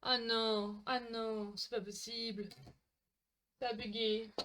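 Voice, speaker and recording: A woman's voice: a little high, flat delivery, slow, background noise. A woman hosting a live crafting stream from home, chatting to viewers by name as she works and laughing at her own slips. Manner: chatty, talks to viewers by name, self-mocking. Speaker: crafting livestream host. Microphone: desk mic.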